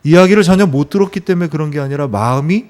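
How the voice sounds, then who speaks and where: A man preaching a Sunday sermon as pastor, telling stories with acted quotes, rising to emphatic peaks and dropping to slow, soft phrases. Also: on the high side.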